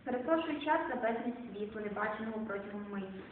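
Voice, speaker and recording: Woman, poetry reading, measured recitation, fairly high voice, far from the mic, echoey hall, tinny phone-like sound, noisy background. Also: expressive. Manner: slow, measured poetic recitation with quiet endings. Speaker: poet reading at a club evening. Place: club or small hall. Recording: distant, echoey phone-quality room recording.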